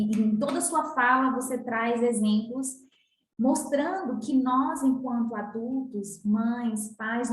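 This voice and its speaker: A woman's voice: on the high side, reverberant, slight background noise. A woman psychologist speaking in a reflective, emphatic way in conversation. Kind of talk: casual conversation.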